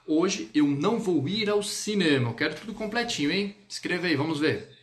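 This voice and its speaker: A man's voice: a little high, animated, normal speed. A man teaching a live online French lesson, speaking to viewers on a phone or webcam mic and checking in with them often.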